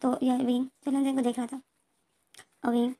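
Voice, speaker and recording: A woman's voice: sits high, flat delivery, moderate pace, warm tone. A woman casually retelling a fan story, rambling with restarts and reading out characters' lines.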